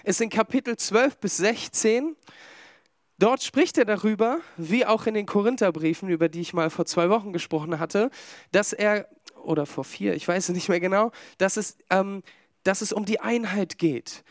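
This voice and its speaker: A man preaches to his small church congregation in a relaxed, chatty sermon, sometimes trailing off and joking with the listeners. His voice sits high for a man. The sound is dry and close, with almost no room echo. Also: normal speed. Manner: conversational, with fillers and humorous asides to the congregation.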